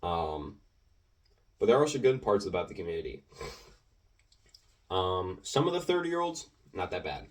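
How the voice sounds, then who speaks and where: A teenage boy telling a rambling, animated story about playing an online game, with lots of filler words and restarts. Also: sits low, normal speed, long pauses, distant mic. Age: teens. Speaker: gaming video creator. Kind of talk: casual storytelling commentary.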